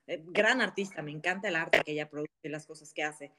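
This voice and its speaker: A woman, a guest telling stories in a casual interview in a candid, animated way, laughing often. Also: sits low, a little fast.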